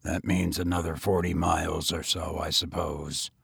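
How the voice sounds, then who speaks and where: A man voicing a weary, bitter gentleman tramp who speaks grimly and quietly. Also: rumbling low, level tone, moderate pace, vocal fry, husky, no room sound, clean studio sound, voice pushed down, exaggerated voice. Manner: grim, subdued, clipped.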